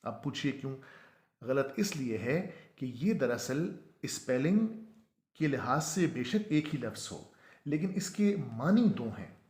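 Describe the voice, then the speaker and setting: Man teaching slowly in an echoey room. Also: medium pitch, big pitch swings, a little mellow. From Pakistan. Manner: slows right down to spell out each word. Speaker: pronunciation teacher. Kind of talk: explanatory lesson.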